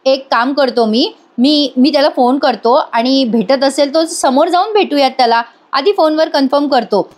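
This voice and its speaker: A woman's voice: high voice, moderate pace, few pauses, natural voice. A woman voicing a frustrated, determined young man in a serial recap.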